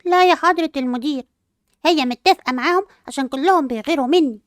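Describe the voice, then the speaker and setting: A woman's voice: high voice, quick pace, dry recording, studio quality, lightly acted. A woman with an Egyptian accent voicing a spoiled, jealous and vengeful schoolgirl who talks in a whiny, defiant way. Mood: spiteful. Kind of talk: amateur role-play dub.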